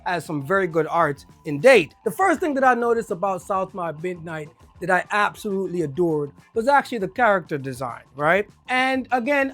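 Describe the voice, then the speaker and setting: A casual, enthusiastic video game review comes from a person with a Jamaican accent speaking at medium pitch, who often repeats words when worked up.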